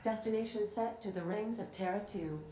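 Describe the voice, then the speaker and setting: A woman's voice: mid-range voice, brisk, crowd noise, lightly acted. A woman voicing a prim, precise ship's computer AI. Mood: dry. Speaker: ship's artificial intelligence. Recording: roomy game audio with background noise.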